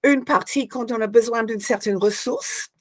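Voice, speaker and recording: A woman's voice: fairly high pitch, moderate pace. An older woman from Australia speaks as an interview guest, laying out her teaching plans step by step. She talks thoughtfully, often stopping to find the right word before going on. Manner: thoughtful, searching for words, explains step by step. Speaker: guest hypnosis instructor. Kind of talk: explanatory interview answers.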